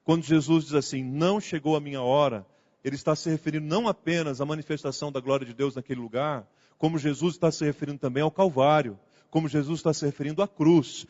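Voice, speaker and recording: A man's voice: on the high side, quick pace, darkish tone. A male pastor giving a conversational sermon, acting out the quoted dialogue as he goes. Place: church sanctuary. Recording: muffled sound with long hall reverb.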